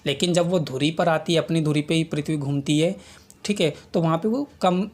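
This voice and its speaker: A man's voice: on the high side, normal speed, darkish tone. A young adult male teacher giving an exam-prep lesson. He repeats points and keeps checking in with students, calling them "beta". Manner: repetitive, checks in with frequent okays, calls students 'beta'.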